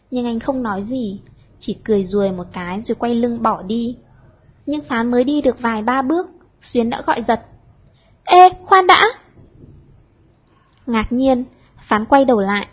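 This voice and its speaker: A woman reading a storybook aloud, with lively, expressive narration and a husky tone. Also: fairly high pitch, dull audio. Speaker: audiobook reader.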